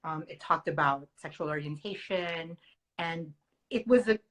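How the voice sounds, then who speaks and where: Low-voiced reflective woman interviewer. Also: a little slow, rough recording. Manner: reflective and affirming. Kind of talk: conversational interview.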